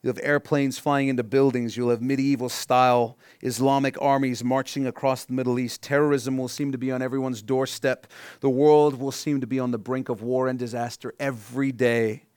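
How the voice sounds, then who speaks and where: A man preaching a sermon as pastor, reading scripture and explaining it, asking the congregation questions, rising loud on key phrases and dropping low and quiet to drive points home. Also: flat delivery, brisk, clear, resonant tone, no room sound, studio quality.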